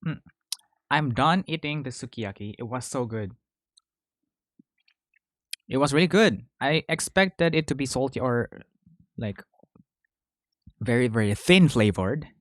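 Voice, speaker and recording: A man's voice: mid-range voice, expressive, measured pace, long pauses, no echo, studio quality. A man hosting a podcast, chatting casually while eating, rambling and correcting himself between bites. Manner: rambling, chewing between phrases, self-correcting. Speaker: podcast host.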